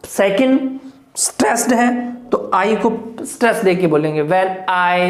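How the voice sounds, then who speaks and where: A woman's voice: medium pitch, reverberant. A woman teaching English literature for exam preparation, explaining terms step by step and often checking whether her students follow. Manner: explanatory, asks "clear?" often, counts syllables aloud. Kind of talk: exam-prep lecture in Hindi with English terms.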